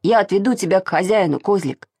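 A woman's voice: mid-range voice, fast, a little mellow, slightly rough, no echo, clean studio sound. A woman voicing an eager, brave little boy in a storybook reading.

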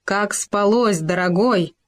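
A woman's voice: on the low side, moderate pace, close to an everyday voice. Woman voicing a greedy show-off male hamster, purring and mincing, storybook. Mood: sugary affected. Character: boastful male hamster, greedy, affected manners.

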